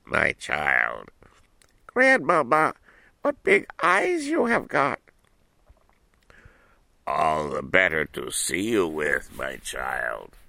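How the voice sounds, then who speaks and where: A man doing a sly, slow-talking big bad wolf. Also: low voice, creaky, bright, forceful tone, no echo, studio quality, exaggerated voice. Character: big wicked hungry male wolf.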